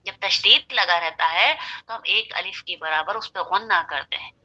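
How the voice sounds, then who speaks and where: A woman's voice: lowish voice, normal speed, sharp tone, muffled recording. A woman teaching Quran recitation, patiently spelling out syllables and repeating them.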